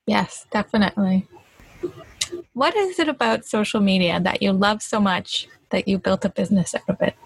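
A woman's voice: mid-range voice, moderate pace, gravelly, husky, dry recording, poor audio. A woman hosting a conversational interview, agreeing readily and affirming her guest's points. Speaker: interviewer, host.

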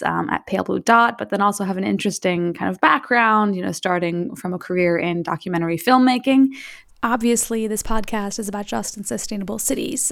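A woman hosts a podcast with a creaky, gravelly edge in her voice. She introduces her guest in an earnest, formal manner. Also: mid-range voice. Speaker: podcast host. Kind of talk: interview intro.

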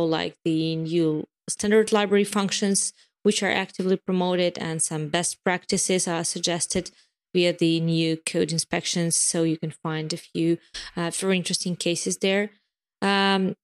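Woman explaining with many fillers. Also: on the low side. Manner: explains in long runs with many fillers and restarts. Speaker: product representative giving updates. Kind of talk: casual podcast chat about developer tools.

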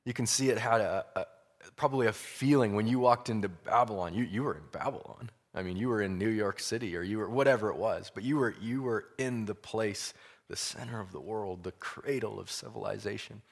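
Guy preaching in a big echoey hall, lowish voice, chatty, repeats himself for emphasis. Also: creaky. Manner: halting, repeats phrases for emphasis. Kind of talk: conversational sermon. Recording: long hall reverb.

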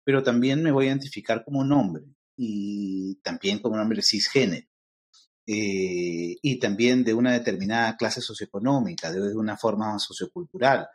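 A man's voice: fairly low pitch, moderate pace. Middle-aged Peruvian man lecturing. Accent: Peruvian, Lima. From Peru. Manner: lecturing, many fillers like "este" and "eh". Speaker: guest expert on interculturality. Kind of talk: explanatory podcast conversation.

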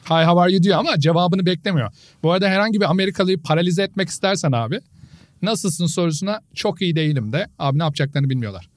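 A man's voice: sits high, fast talker, dry recording, studio quality. Casual podcast chat from a man host who tells stories and mimics the people he quotes. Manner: storytelling, imitates quoted people.

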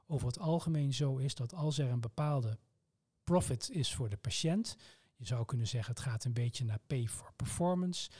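A man with a Dutch accent, answering interview questions in a measured, formal way with precise terms. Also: medium pitch, mellow, slightly rough. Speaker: medical oncologist guest.

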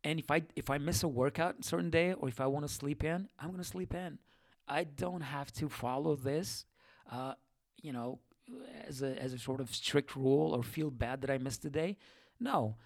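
A man's voice: fairly high pitch, normal speed, dry recording. Guy doing a solo podcast, chatty and rambly, lots of ums, dry close sound. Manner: rambling, lots of fillers and self-corrections; self-deprecating, reflective. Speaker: podcast host. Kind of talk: casual solo podcast talk.

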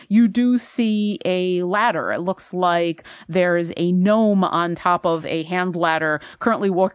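A woman narrates as game master in a tabletop game, describing scenes at length with a lower voice. The sound is dry and close, with no room echo. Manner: descriptive, with frequent fillers and restarts.

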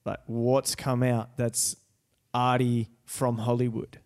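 A man's voice: mid-range voice, flat delivery, takes it slowly, darkish tone. A man hosting a casual film chat, slangy and sweary, often repeating his words. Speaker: podcast host.

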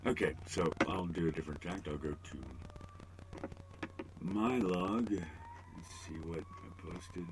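A man's voice: deep voice, measured pace, long pauses, noisy background. A middle-aged man hosting a podcast alone, rambling with joking, self-deprecating asides. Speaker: podcast host. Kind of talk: casual solo podcast monologue.

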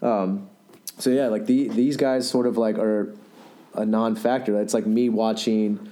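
A man's voice: fairly low pitch, fairly even intonation, a little slow, dark tone. A man in his thirties hosting a podcast, chatting casually and rambling with lots of fillers and restarts. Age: 30s. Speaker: podcast host.

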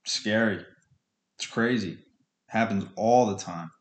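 Male solo podcast host, slightly deep voice, plain-spoken and earnest street-level pep talk with swearing, captured in an echoey room. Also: slow. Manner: blunt, earnest, sweary, colloquial. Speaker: podcast host speaking on addiction recovery. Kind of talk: informal motivational monologue.

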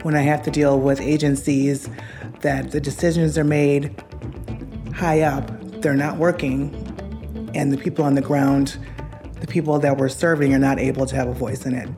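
Woman staff interviewee, very low voice, earnest, clear music bed. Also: level tone, moderate pace. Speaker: agency staff member.

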